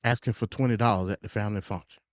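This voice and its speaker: A lowish, steady-toned American man fires off rapid political opinions on a live stream with no room sound. He's slangy and emphatic, repeats himself and stutters, keeping it conversational. The audio is dull and lo-fi.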